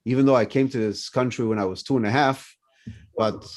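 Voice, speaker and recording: A rabbi in his fifties, a native French speaker, leads a morning class at a slightly quick clip in a medium-pitched voice. He teaches animatedly, sharing personal stories and repeatedly putting questions to his listeners.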